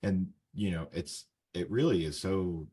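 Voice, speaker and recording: A man's voice: deep voice, unhurried, dark tone, breathy edge. A man hosting a casual podcast conversation as an English teacher, explaining his ideas with lots of fillers and restarts.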